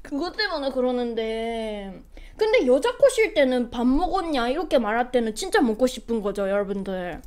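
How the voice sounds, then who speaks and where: A young woman with a high voice and a Japanese accent chats casually on a live stream. Her nose sounds stuffy, and she talks to her viewers in a playful, teasing way as she answers their comments. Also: sing-song, moderate pace, a little mellow. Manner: playful, chatty, reads and answers chat comments.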